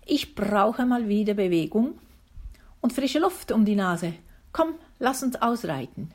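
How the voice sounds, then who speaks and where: A woman voicing a restless, grumbling little female witch in a storybook reading, with a husky voice. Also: mid-range voice, expressive, takes it slowly, a little mellow, exaggerated voice.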